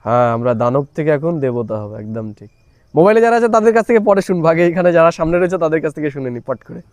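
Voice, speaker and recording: High-voiced man urging his class to answer. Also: big pitch swings, racing, darkish tone, dry recording. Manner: coaxing, prompts listeners repeatedly to answer. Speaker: spiritual teacher. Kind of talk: leading a spiritual class with questions.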